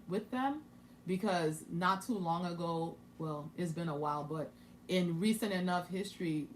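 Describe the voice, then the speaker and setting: A Haitian woman whose first language is French thinks aloud through scripture as a Bible teacher giving casual study commentary, with many restarts and asides. Her voice is lower, with a little hiss or hum in the recording.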